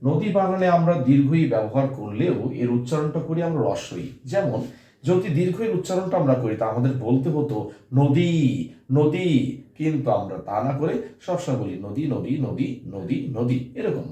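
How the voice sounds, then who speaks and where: A man's voice: medium pitch, expressive, brisk, mellow, roomy sound. A male teacher giving a lesson to students, explaining step by step and saying example words aloud several times. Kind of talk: classroom lesson on pronunciation.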